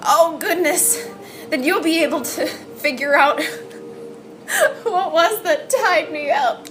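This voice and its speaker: Performer playing a high, effusive motherly woman chef. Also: expressive, over music, full character voice. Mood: flustered. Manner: effusive, exclaiming, drawn-out delivery. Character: portly, motherly, flustered older woman, a famous chef. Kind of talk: improvised comic detective radio drama.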